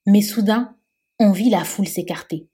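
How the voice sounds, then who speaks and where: A woman with a husky voice, narrating a novel in a measured, expressive way. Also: mid-range voice.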